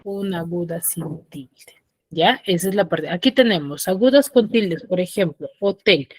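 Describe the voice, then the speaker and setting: A woman's voice: lowish voice, moderate pace, breathy edge, no echo. A woman teaching a secondary school class over a video call, quizzing her students and checking often that they follow. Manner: quizzes the students, often checks understanding with short tag questions.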